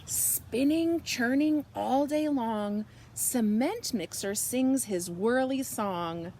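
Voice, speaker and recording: A woman reading a picture book aloud to young children, expressive and animated, drawing out her words and softening for bedtime lines. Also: on the high side, slight background noise. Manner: slow, animated delivery with drawn-out words and hushed, whispered good nights. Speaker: children's storybook reader.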